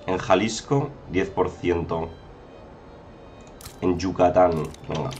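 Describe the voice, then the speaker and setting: A man's voice: low voice, takes it slowly, a little mellow, soft background music. A man giving chatty, casual commentary over a strategy game, often exclaiming and talking to viewers. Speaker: gameplay commentator.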